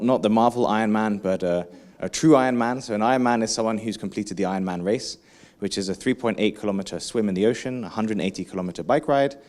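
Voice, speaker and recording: A man delivers an energetic keynote in a fairly low voice. He keeps the audience involved, tossing them questions and quick asides as he goes. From England. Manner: lively, engaging, asks the audience questions, frequent "right?". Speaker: keynote speaker.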